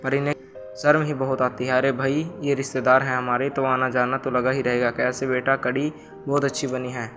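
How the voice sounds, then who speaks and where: A man voicing a fussy, childish older father with a sweet tooth in a storybook tale, read flat and even. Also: mid-range voice, fairly quick, natural voice. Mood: sheepish. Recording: music bed underneath. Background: music.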